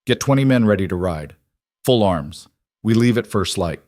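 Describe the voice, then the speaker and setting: Man reading as ruthless cattle baron, clipped, low, dry close voice. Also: animated, normal speed, a little mellow, no room sound, lightly acted. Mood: stern. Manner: clipped, curt.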